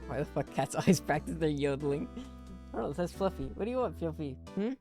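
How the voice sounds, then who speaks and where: A woman's voice: low-pitched, animated, fast talker, dark tone, soft background music. A woman streamer chatting casually and laid-back while playing a game. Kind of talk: casual chat while gaming.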